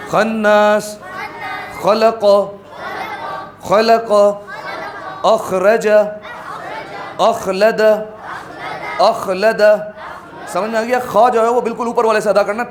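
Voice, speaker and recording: High-voiced man drilling Arabic pronunciation. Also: hardly any pauses, a crowd in the background. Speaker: Quran recitation teacher. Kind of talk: classroom tajweed lesson. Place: classroom with students.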